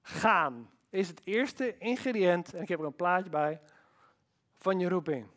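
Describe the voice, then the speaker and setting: Animated man preaching a sermon. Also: high-pitched, measured pace. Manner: animated, emphatic preaching with rhetorical questions. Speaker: pastor.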